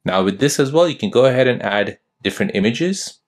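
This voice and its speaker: A young man narrating a step-by-step phone tutorial as host, giving steady instructions. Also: medium pitch, fairly quick.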